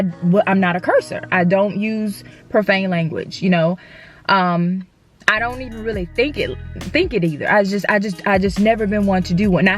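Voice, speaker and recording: A young adult woman, sharing a personal faith story in a casual, conversational way with frequent restarts and fillers. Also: medium pitch. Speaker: actress and faith vlogger.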